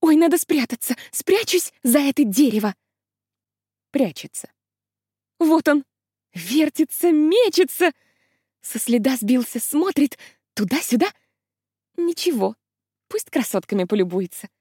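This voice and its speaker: A woman voicing a romantic, excitable young maid in a country pageant, chattering breathlessly with gasping exclamations. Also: high voice, measured pace, long pauses, no echo, clean studio sound, voice pushed up. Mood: excited, gossipy. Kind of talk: acted audiobook reading.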